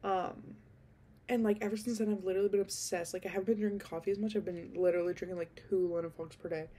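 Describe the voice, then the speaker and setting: With quick, fairly flat delivery in a mid-range, dark-toned voice, a young adult podcast host chats and rambles, dropping lots of ums and likes. She's slightly nasal from being sick, speaking into a close handheld desk mic in a dim bedroom, with a bit of hiss or hum audible.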